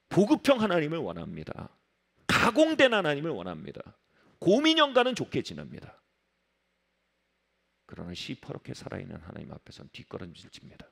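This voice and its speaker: A man preaching a sermon as pastor of a church, emphatic, dropping to low soft tones to stress points and acting out the voices of people he quotes. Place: church sanctuary.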